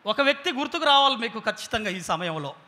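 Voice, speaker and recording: A pastor, preaching an impassioned sermon and firing rhetorical questions at the congregation. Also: male voice, extremely high pitch, very animated, fast, sharp tone. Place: church hall. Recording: long church-hall reverb.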